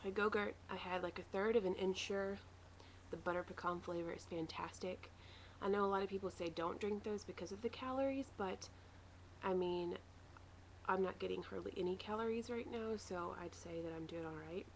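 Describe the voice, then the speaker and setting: A woman's voice: medium pitch, brisk, slight background noise, low-quality recording. A woman talking casually and matter-of-factly in a rambling personal video diary, recorded at home. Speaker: vlogger sharing a weight-loss surgery recovery diary.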